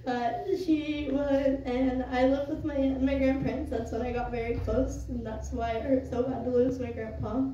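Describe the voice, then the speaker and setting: A young woman giving a personal eulogy to mourners, speaking tenderly and informally, with halting pauses. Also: high-pitched, flat delivery, dark tone. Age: young adult. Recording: echoey room, distant muffled mic, noisy.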